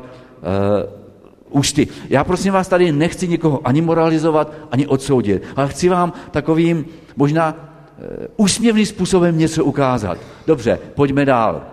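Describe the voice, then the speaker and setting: Man lecturing students in an echoing hall. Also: a little high. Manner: rhetorical questions to the audience; lively, engaging storyteller. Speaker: prevention lecturer. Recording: long hall reverb.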